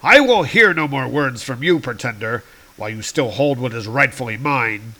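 A man voicing a proud, hot-tempered male god from a comic, speaking in booming archaic declarations. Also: lively intonation, normal speed, sharp tone, low-quality recording. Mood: angry commanding.

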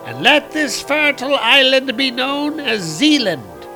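Gefjon, a man putting on a high ringing goddess. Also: big pitch swings, a little slow, music in the background, heavily acted. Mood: commanding. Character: towering goddess woman, commanding and ancient.

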